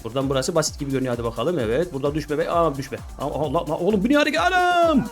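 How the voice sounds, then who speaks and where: A man commentating a video game, often exclaiming, yelling and laughing. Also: mid-range voice, very fast, music in the background. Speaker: gaming YouTuber. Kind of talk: excited gameplay commentary.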